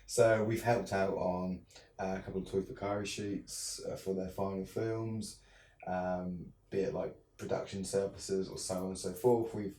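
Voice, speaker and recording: A young adult filmmaker from southern England is a guest in a casual interview, speaking hesitantly with many fillers and restarts. His voice sits low with little pitch movement, a dark tone, and a moderate pace, recorded on a distant mic in a roomy space.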